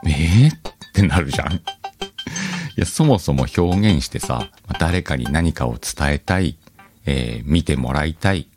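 Rumbling low and expressive, this male host speaks at a measured pace as he muses out loud to his audience. His show is a casual one-man radio-style chat, backed by faint music.

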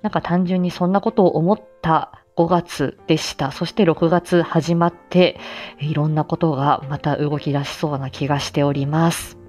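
On her personal live stream, a woman with a deep, darkish voice talks casually to listeners at normal speed and a steady tone. She hesitates, gropes for words, and runs herself down a little. Faint music plays in the background.

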